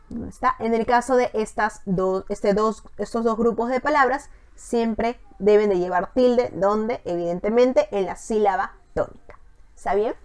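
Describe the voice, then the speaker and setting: A woman teacher explaining spelling rules step by step in an online lesson, often pausing to check with a quick "ok?". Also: fairly high pitch.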